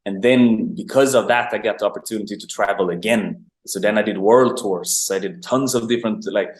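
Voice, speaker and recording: His voice fairly low and a little fast, a young Swedish guest rambles cheerfully through a casual interview about his life, laughing and saying "like" constantly. He's an online marketer for dancers, joining by remote call from abroad, with noticeable room echo.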